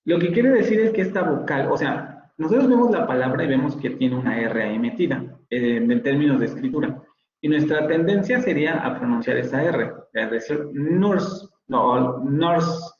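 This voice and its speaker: A man's voice: medium pitch, lively intonation, moderate pace, darkish tone, echoey room, dull audio. A man, a university professor giving an online phonetics lecture and patiently repeating words to model their sounds.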